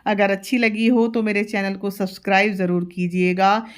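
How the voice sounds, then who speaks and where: A woman's voice: medium pitch, flat delivery, moderate pace, clear, resonant tone. A woman in her thirties, a mother, chatting casually through a home vlog and explaining each step. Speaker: vlogger, mother.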